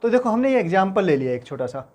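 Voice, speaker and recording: A man's voice: high-pitched, big pitch swings, quick pace, a little mellow. A man teaching physics in Hindi to exam students, friendly and reassuring, often checking that they follow along. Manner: friendly, addresses students as beta, asks for confirmation often.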